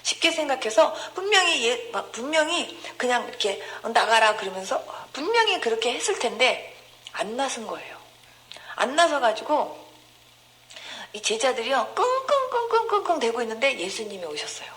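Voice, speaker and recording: A woman's voice: fairly high pitch, big pitch swings, moderate pace, fairly bright tone, slight background noise, low-quality recording. A woman pastor preaching a sermon with personal testimony, telling the story earnestly and acting out the people she quotes. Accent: Gyeongsang Korean.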